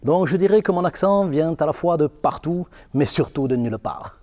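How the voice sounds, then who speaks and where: A pompous beer festival ambassador from Bavaria and Belgium, put on by a man in a fake German-Belgian accent. He talks formally and keeps tacking on little tag questions. His voice sits a little high and rings out with a long hall reverb. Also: expressive, moderate pace, darkish tone, lightly acted. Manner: formal, keeps adding "n'est-ce pas" and "voyez-vous".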